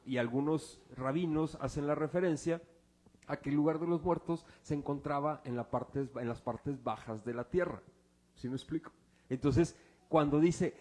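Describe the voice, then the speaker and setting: A male pastor, preaching a sermon full of rhetorical questions, swinging between loud and hushed. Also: on the high side.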